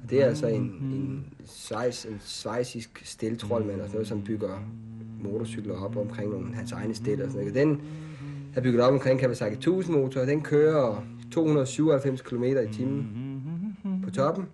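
A man telling personal stories in loose, colloquial speech who often drops to a quiet, low voice when recalling pain. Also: crowd noise. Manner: loose, colloquial, keeps adding "ikke?" and "mand". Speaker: interviewee. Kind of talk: candid personal storytelling.

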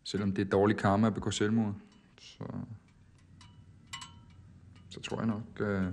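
Calm, musing man reflecting aloud. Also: fairly low pitch. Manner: calm, musing, hesitant with fillers. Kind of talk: reflective casual talk.

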